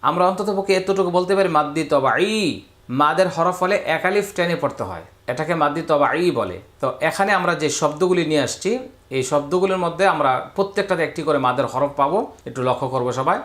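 Man, Bangladeshi Bengali accent, Quran reading teacher, patient, spells letters aloud, stretches syllables in slow drills, close mic. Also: fairly high pitch, a bit bright, reverberant. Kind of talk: recorded recitation lesson.

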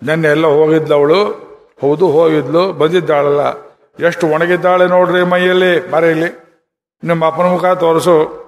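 A man voicing a fussing queen mother who scolds her husband and soothes her daughter, in a brisk scolding manner, in a reverberant hall. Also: on the high side, steady tone, natural voice.

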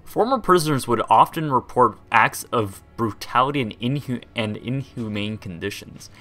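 A man's voice: mid-range voice, lively intonation, moderate pace, pushed and bright, soft background music. A young man hosting a casual history video, chatty and rambling, laughing and tripping over words. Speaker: host.

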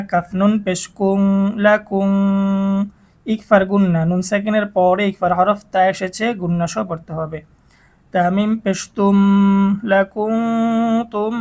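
In a high-pitched voice, a man with a Bangladeshi Bengali accent guides a Quran reading lesson, first spelling out letters and vowel marks and then pronouncing full words in a slow, drawn-out way.

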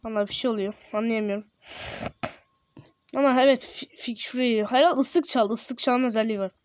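A young man with a sore throat giving casual, excitable commentary while playing a game, yelping and exclaiming when startled. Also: very high voice, a little fast, smooth, dry recording, studio quality. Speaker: gameplay video host.

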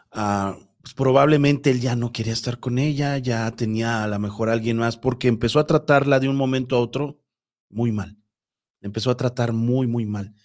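A man's voice: medium pitch, darkish tone. Man telling a spooky story. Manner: conversational, with filler words and restarts, addresses listeners directly. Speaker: host of paranormal story show. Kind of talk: spoken storytelling.

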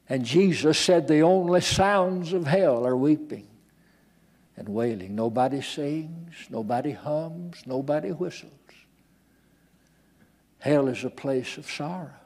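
A man's voice: on the high side, a little mellow. An older male pastor preaching a sermon in a church, dramatic and acting out the voices he quotes.

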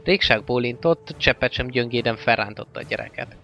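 A man reading a fantasy novel aloud as an audiobook narrator, in a steady, even-paced way. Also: mid-range voice, gravelly. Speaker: audiobook reader. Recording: slightly dull lo-fi with faint music.

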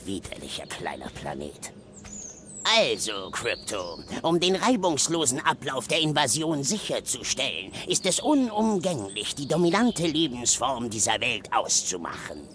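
An actor playing a haughty, scheming alien commander in a video game, pompous, theatrical and disdainful. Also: male voice, medium pitch, big pitch swings, a little slow, noisy background. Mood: haughty, wry.

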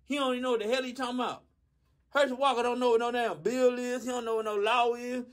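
A man performing a dim-witted, loudmouthed character, giving a rambling, profane comic monologue full of slang and fillers. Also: very high voice, flat delivery, fast talker. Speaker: comedy radio character.

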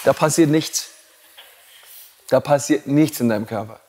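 A man's voice: mid-range voice, unhurried, warm tone, a little hiss or hum. A man teaching yoga teacher trainees in a blunt, provocative way and laughing at his own jokes. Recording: long hall reverb.

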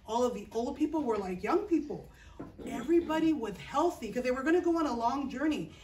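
A middle-aged woman teaching children in a small indoor classroom, telling a Bible story with lively acting and frequent "okay?" check-ins. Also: high-pitched, a little fast, slight background noise. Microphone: far camera, no visible mic. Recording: roomy echo, distant camera.

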